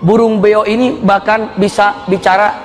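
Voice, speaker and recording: Animated high-voiced male preacher in hall. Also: normal speed. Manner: animated, jumps high in pitch for emphasis, laughs often. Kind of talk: lively sermon with stories. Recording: reverberant hall with faint music.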